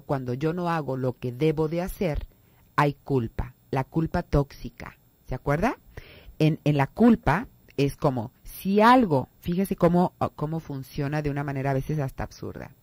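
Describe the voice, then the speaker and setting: A woman's voice: deep voice, warm tone, no room sound. A woman with a Mexican Spanish accent hosting a radio talk on family psychology, acting out quoted people in raised voices. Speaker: radio host and therapist.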